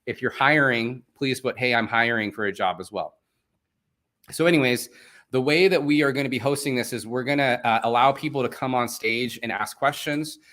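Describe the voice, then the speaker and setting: Speaking at a moderate pace with a sharp tone, this medium-pitched host is a native Spanish speaker from Venezuela. He runs a live online event in a talkative, cheerful manner, filling gaps with frequent fillers.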